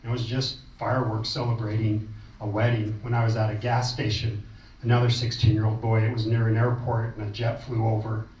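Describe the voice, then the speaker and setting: A man's voice: fairly low pitch, little pitch movement, a little fast, a little mellow. A man at a meeting sharing accounts in a plain, matter-of-fact way. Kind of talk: casual storytelling at a meeting. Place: meeting room. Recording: roomy, distant, muffled, faint noise.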